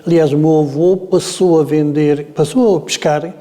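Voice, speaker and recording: Mellow-voiced Portuguese man in his seventies. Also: a little high, fairly even intonation, normal speed, in a large hall. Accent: European Portuguese, Lisbon area. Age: 70s. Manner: meandering, hesitant with frequent filler sounds. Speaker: interviewee. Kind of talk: oral history storytelling.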